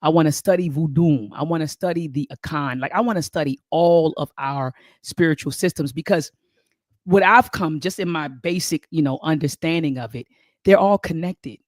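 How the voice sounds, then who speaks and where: A middle-aged American woman from Baltimore County, Maryland, speaks at normal speed in a low voice, recorded cleanly in a studio with no room sound. As an interview guest and spiritual speaker, she tells personal stories conversationally, emphatically repeating phrases and checking in with listeners.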